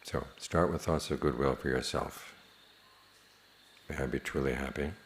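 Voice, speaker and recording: A man with an extremely low voice guides a meditation, speaking plainly and in a measured, steady tone with long pauses between phrases. Slight background noise is present.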